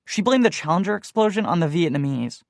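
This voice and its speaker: A man doing a sharp, teasing teenage girl. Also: high voice, sing-song, fast, vocal fry, dry recording, clean studio sound, voice pushed up, heavily acted. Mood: insistent. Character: bold wisecracking teenage girl.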